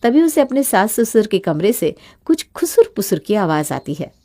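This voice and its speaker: A woman reading scripted narration for an animated story in a steady, plain manner. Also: medium pitch, normal speed.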